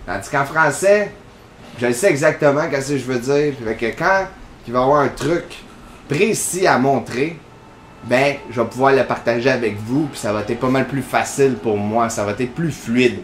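A man's voice: mid-range voice, moderate pace, roomy sound, slight background noise. A man with a Quebec French accent, hosting casual gameplay commentary in a chatty, rambling way full of fillers. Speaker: gaming channel host.

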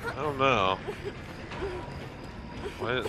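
A man's voice: mid-range voice, drawn-out words, heavy background noise. A man talking casually to teammates over voice chat in an online game.

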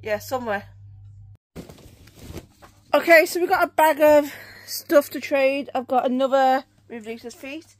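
A young British woman with a high voice chats to the camera while showing off a shelved room at home. She rambles and corrects herself as she goes, in a loose, friendly vlog style. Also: a little slow, long pauses. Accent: British English. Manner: chatty, rambling, self-correcting. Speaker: channel co-host. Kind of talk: casual collection vlog.

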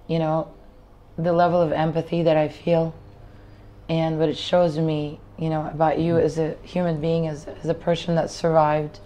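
A woman interviewer speaks in a very low, steady, mellow voice. She sounds reflective and admiring, with faint noise in the background. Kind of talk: earnest interview talk.

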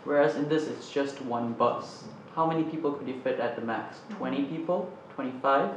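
A man on a student panel makes an earnest, argumentative case in an opinionated discussion, speaking at normal speed in a medium-pitched voice. The panel sits on a couch in a studio, and the sound is echoey and slightly dull, with a little hiss or hum.

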